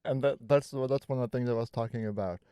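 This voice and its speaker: A man's voice: medium pitch, quick pace, dark tone, clear, resonant tone, no room sound. A man hosting a podcast in casual chat, playful and teasing. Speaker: podcast host.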